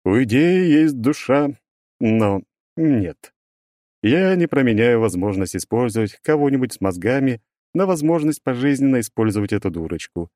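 A man's voice: medium pitch, animated, moderate pace, dark tone, no echo, studio quality, voice pushed up, close to an everyday voice. A man voicing a huge steel magic golem that drones on in a melancholy, faintly gloating way. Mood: smug. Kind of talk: audiobook reading.

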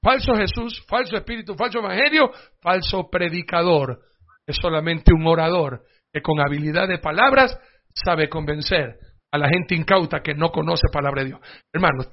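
A male pastor preaching a sermon, emphatic, with sudden loud bursts and acted-out quotes. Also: fairly high pitch, normal speed. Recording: dull lo-fi radio broadcast.

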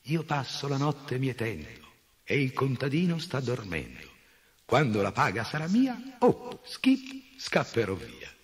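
A man voicing a small, wronged male Tomt sprite who talks high and pushy, sometimes in a sing-song. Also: wildly swooping pitch, normal speed, breathy edge, heavily acted.

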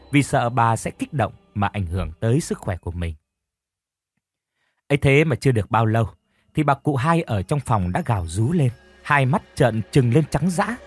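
A man's voice: mid-range voice, darkish tone, husky. A man narrating a scripted horror story in a dramatic storytelling manner.

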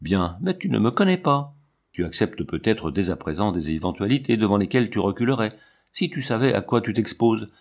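A man giving voice to a tender, hesitant woman, torn by scruples and sighing between words. the voice stays fairly low and unforced, like a storybook reading rather than full acting. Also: very animated, brisk. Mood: regretful.

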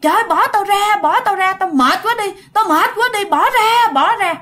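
A woman's voice: high voice, lively intonation, normal speed, fairly bright tone, voice pushed up. A woman voicing a terrified man dragged off by ghosts, screaming and panting.

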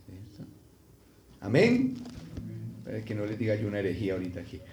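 A man's voice: on the low side, wildly swooping pitch, brisk, a little mellow, a little hiss or hum. A male pastor preaching a sermon, asking the congregation rhetorical questions and acting out quoted prayers. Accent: Latin American Spanish.

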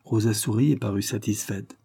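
A man narrating a literary story in the first person, in a measured, reflective reading. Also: on the low side, fairly even intonation, vocal fry, mellow, husky, no room sound, clean studio sound. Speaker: audiobook reader.

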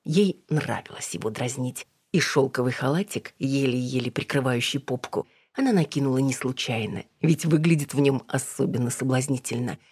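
Reading scripted narration for an audiobook, this woman speaks at a normal speed in a low, husky, slightly mellow voice. The audio is studio quality, with no room sound at all.

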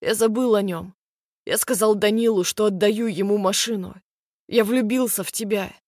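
A hushed, pleading young man in a story, begging to be believed, as a female reader puts him on. The voice is quiet and close, recorded dry with no room sound. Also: medium pitch, fairly even intonation, normal speed, dry recording, close to an everyday voice. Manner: soft, near-whispered pleading. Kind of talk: audiobook character voice.

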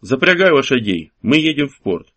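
A shrewd ancient hero on a case, brisk and commanding as he hands out orders, voiced by a male reader. He is good-humoured and his voice sits at an ordinary middle pitch. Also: sing-song, sharp tone.

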